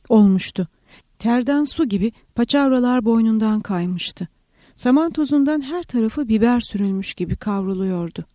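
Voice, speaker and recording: A woman reads a work of literary criticism aloud in a measured, steady manner. Her voice is dark and mellow, recorded close and dry with no room sound. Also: fairly high pitch, no room sound. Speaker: audiobook narrator. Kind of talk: scripted reading of literary criticism.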